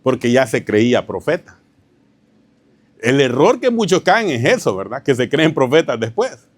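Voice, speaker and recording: A man's voice: medium pitch, very animated, normal speed, no room sound. A male pastor preaching a sermon, often asking his congregation rhetorical questions and calling them brother. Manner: tells anecdotes with a chuckle, informal preaching. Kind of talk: sermon teaching.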